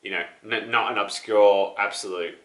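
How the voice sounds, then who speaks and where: A man's voice: lowish voice, fairly even intonation, normal speed, fairly bright tone, echoey room. A man, chatting casually about his record collection with many fillers and restarts. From New Zealand. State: out of breath, still sick. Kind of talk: casual show-and-tell chat.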